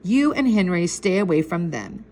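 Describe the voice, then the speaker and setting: Woman doing a gentle, firm father. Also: on the low side, very animated, moderate pace, pitched below the performer's own voice. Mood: gently stern.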